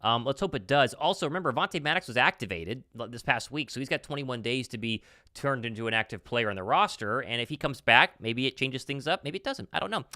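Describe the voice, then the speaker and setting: A man's voice: medium pitch, animated, fast talker, pushed and bright, no echo, studio quality. A man co-hosting a casual sports talk show, reading out viewer comments and reacting to them. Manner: reads comments aloud, then reacts.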